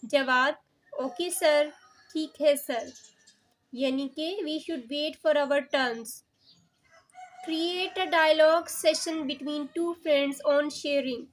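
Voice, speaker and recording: A woman teacher with a Pakistani accent, explaining a lesson slowly and deliberately, reading English exercises and explaining them quickly in between. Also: high-pitched.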